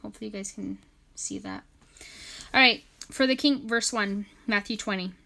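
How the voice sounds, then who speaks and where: Bright young woman with a slight lisp. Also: mid-range voice, normal speed, gravelly. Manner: chatty, filler-heavy, apologetic asides. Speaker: Bible study leader. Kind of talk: casual livestream Bible study. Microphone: phone.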